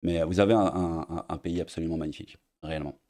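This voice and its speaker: Talking very fast in a warm, steady, low-pitched voice, a young Belgian streamer rants to camera with a Belgian French accent. He is mocking and crude, scattering fillers throughout, and the audio comes from a desk mic at an editing setup.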